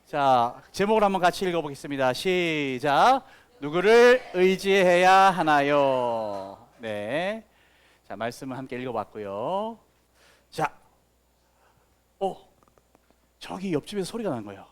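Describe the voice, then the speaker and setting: A man's voice: a little high, big pitch swings, unhurried, pauses often, smooth. A man giving a children's sermon as pastor, telling playful stories with sound effects and asking the kids questions. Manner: talks directly to children with questions.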